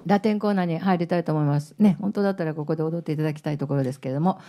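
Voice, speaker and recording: A woman's voice: low-pitched, very fast, warm tone. A woman singer hosting her band's live stream from a small music club, chatting casually between songs, laughing often and teasing her bandmate. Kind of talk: casual onstage banter.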